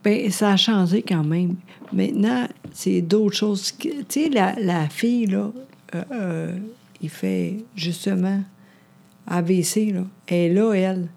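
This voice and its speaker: Hesitant woman with a gravelly voice. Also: medium pitch, unhurried, dark tone. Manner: hesitant, searches for words. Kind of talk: casual chat.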